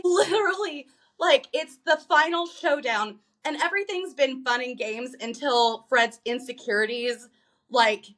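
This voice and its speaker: A woman co-hosting a podcast in casual chat, animated, swearing freely and acting out lines from a movie. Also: high-pitched. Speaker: podcast co-host.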